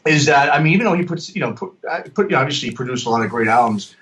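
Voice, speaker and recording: A man's voice: medium pitch, animated, rapid-fire, fairly bright tone. A man co-hosting a podcast in casual chat, rambling and filling his talk with um and you know. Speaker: podcast co-host and producer.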